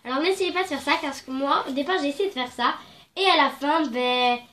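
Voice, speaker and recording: Speaking a little fast in a high, fairly bright voice, a young craft vlogger with a cold chats playfully and rambles as she demonstrates a craft. She films the tutorial on her phone camera at home indoors, her nose audibly stuffed up.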